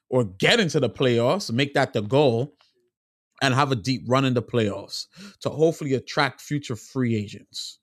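A man's voice: medium pitch, dry recording, studio quality. A man giving an opinionated sports rant to camera, frustrated and repeating himself for emphasis. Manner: animated, frustrated, repetitive emphasis. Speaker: sports vlogger.

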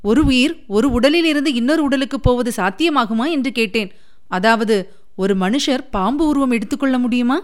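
A woman reading a storybook part of a tender, anxious young woman who pleads earnestly, a little higher than her narrating voice. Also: moderate pace, natural voice.

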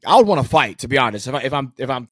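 Curious, animated young male podcast host. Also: mid-range voice, racing, no echo. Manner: animated, asks searching questions, hedges with "like" and "I guess". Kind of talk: casual podcast conversation.

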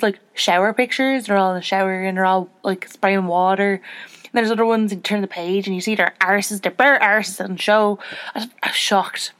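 A young woman hosting a podcast in casual chat, chatty and self-deprecating, her pitch jumping up when she gets excited. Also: no room sound. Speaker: podcast host.

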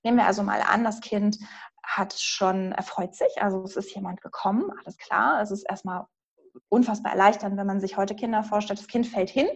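A woman coach explaining inner-child work in a calm, gentle way during a podcast conversation. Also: mid-range voice, brisk, creaky, breathy edge, highs cut off. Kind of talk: podcast interview answers.

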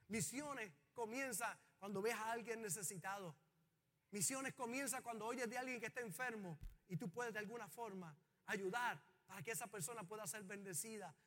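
A male pastor preaching a sermon in a high, bright, forceful voice that carries through a church hall's long reverb. His delivery is impassioned, climbing to loud, fervent peaks as he presses his point.

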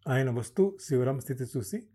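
A male storyteller reads a novel aloud in a steady, even manner. His timbre is dark and mellow, at a middle pitch for a man. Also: normal speed, breathy edge. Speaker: narrator. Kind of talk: audiobook novel narration.

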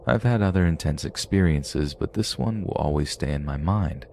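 A man hosting a podcast, reading paranormal stories aloud in a steady, measured storytelling manner. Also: a bass voice, creaky, slight background noise. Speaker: podcast host.

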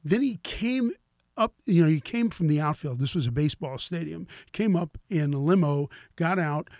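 An older man chatting casually about guitars and musicians, telling stories in a relaxed way with many fillers. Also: a little high, moderate pace, no room sound, studio quality. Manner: relaxed storyteller, lots of "you know".

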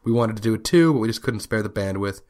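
A man's voice: lowish voice, lively intonation, fast, a little mellow. A man with a head cold hosting a podcast, chatting casually and reading out listener messages. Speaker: podcast host.

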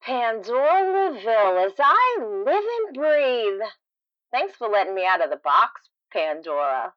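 A woman's voice: fairly high pitch, sing-song, a little slow, no room sound. An actress playing a wisecracking female prison inmate who talks in dry, sarcastic quips. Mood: wry. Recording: slightly dull, lo-fi sound.

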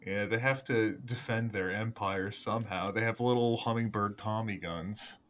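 Joking man, lowish voice. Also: steady tone, fairly bright tone, slight background noise. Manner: goofy, joking, quick to laugh. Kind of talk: casual group chat.

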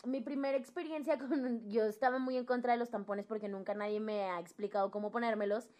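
A young woman with a Mexican accent tells a personal story in casual conversation, speaking fairly high and a bit fast. She's an animated storyteller who acts out the voices of the people she quotes.

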